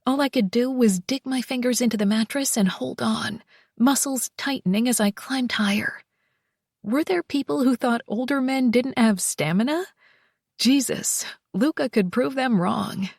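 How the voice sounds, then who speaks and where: A woman narrating a first-person romance audiobook, soft and slow, with breathy whispered passages. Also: fairly high pitch, no echo, studio quality.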